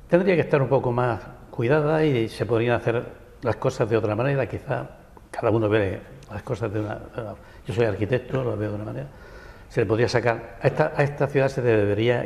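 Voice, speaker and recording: A Barcelona man, writer and architect, with a Peninsular Spanish accent, gives lengthy, winding replies as a guest in a TV interview at a local studio. His mid-range voice carries vocal fry and a little mellowness, echoing as if in a large hall.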